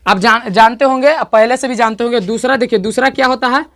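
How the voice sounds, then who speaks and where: A man's voice: extremely high pitch, steady tone, fast talker, fairly bright tone. A male teacher giving an online grammar lesson, repeating points and often checking that students follow. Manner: repetitive, checks understanding often; stretches out sounds to demonstrate vowel length.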